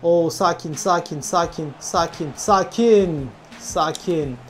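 A young man from Turkey giving lively, self-talking commentary while playing a football video game, urging on his players. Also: fairly high pitch, slow, a little hiss or hum. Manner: animated, talks to himself and his players, frequent laughs. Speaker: gaming YouTuber. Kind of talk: excited gameplay commentary.

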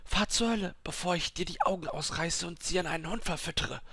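A man's voice: mid-range voice, normal speed, sharp tone, slightly rough, no echo, voice pushed up. A man voicing a furious, dying young woman warrior who shrieks and pleads in a raised voice. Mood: screaming, desperate. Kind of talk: game story read aloud.

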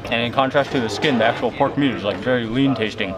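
A chatty, enthusiastic man in his thirties films a casual food and travel vlog, holding the camera at arm's length in a city, on a boat and at a restaurant, savoring food aloud. His medium-pitched voice is fast, with music underneath and very heavy noise.

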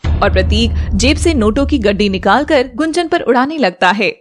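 A woman narrating a scripted animated drama in an even storytelling voice. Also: fairly high pitch, normal speed, faint music behind.

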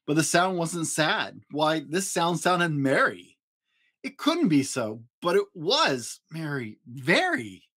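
A man in his forties giving an expressive, rhyming storybook narration for children. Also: a little high, slow. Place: small home room, indoors.

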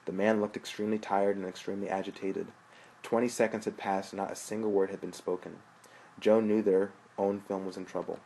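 A man narrating a story aloud in a steady, plain way. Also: on the low side, gravelly, a little hiss or hum, rough recording. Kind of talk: audiobook narration.

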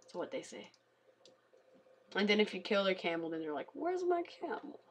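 A tired woman giving casual, chatty commentary on a game she is playing, talking quietly and swearing freely. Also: on the low side, brisk. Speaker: let's play gamer.

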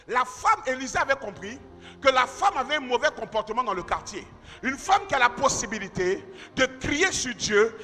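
A male pastor preaching a sermon, swinging from shouted emphasis to quiet asides. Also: very high voice. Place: church hall. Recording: church hall with long reverb and faint music.

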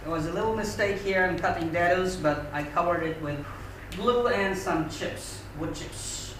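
A man narrating his home workshop build in voice-over, unhurried and thinking aloud with frequent hesitations. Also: high voice, a bit bright, a little hiss or hum. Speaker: woodworking hobbyist.

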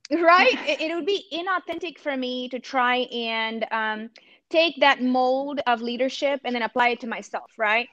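A campus ministry missionary from India, speaking with an Indian accent, joins a reflective panel talk over a video call from a room at home, earnest and thoughtful and often restarting her sentences. Her high voice moves at a moderate pace and sounds a bit bright. Picked up by a laptop webcam, the audio has no echo and the highs are cut off.

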